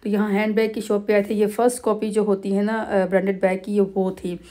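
Relaxed and rambling, a middle-aged woman from Pakistan talks over clips from a family holiday in her vlog. Her voice is medium-pitched, and her narration is dotted with pauses and fillers.

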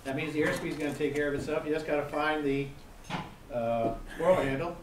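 Middle-aged man, instructor, a bit higher-pitched than most, quizzes listeners and hammers points home; echoey room, distant mic. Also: a little fast, background noise. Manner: quizzing the audience, emphatic repetition. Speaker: gliding safety instructor. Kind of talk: interactive seminar lecture. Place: seminar room.

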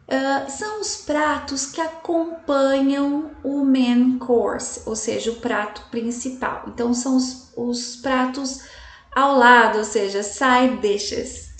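A woman teaching English vocabulary to Portuguese speakers, enunciating each word carefully and checking in with her students often. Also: high voice. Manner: slow, careful enunciation with repeated examples. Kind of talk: slide-based language lesson. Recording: echoey room, voice from a distance.

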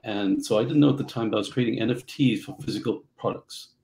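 A middle-aged man from Central Africa, telling his story as a guest on a video call, halting with many fillers. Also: lowish voice, creaky, darkish tone, low-quality recording. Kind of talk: casual interview storytelling. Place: home office.

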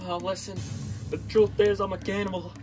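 A man voicing a cannibal diner cook in an amateur comedy skit, hesitant and full of fillers, breaking into loud threats. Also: high voice, flat delivery, fairly quick, over music, close to an everyday voice. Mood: threatening. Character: cannibal diner cook, male, adult, menacing.

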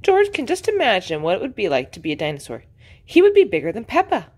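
Woman preschool teacher, storybook read-aloud, very lively pitch, medium voice. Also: quick pace. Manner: expressive, sing-song reading to children.

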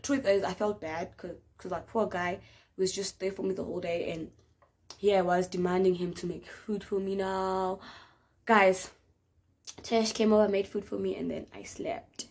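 A young South African woman telling a story to her viewers in a chatty, expressive way. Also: mid-range voice, moderate pace. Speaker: vlogger. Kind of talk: casual storytime chat.

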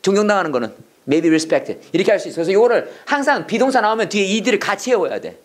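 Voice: medium pitch, big pitch swings, fast. A Korean speaker teaching English prayer phrases to a class, drilling lines and having students repeat. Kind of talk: classroom lesson, call and response drills.

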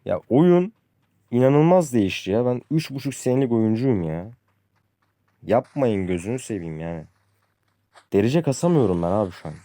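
A man's voice: mid-range voice, animated, moderate pace, pauses often, warm tone, no echo. Frustrated young man ranting over gameplay. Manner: frustrated, ranting about the game; addresses viewers as friends, says "abi" often. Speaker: gaming youtuber. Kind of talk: casual gameplay commentary.

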